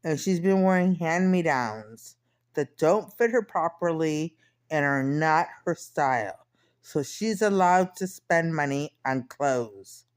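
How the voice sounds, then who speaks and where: Slow and expressive, her low-sitting voice wanders through personal vlog musings; she's in her fifties, talking like a diary entry and frequently circling back to repeat or fix what she said.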